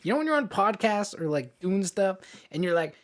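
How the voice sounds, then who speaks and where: A man in his thirties co-hosts a laid-back film podcast, rambling in a loose, chatty way and laughing often. His voice moves around a lot in pitch. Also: big pitch swings, fairly quick. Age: 30s. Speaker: podcast co-host. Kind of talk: casual chat.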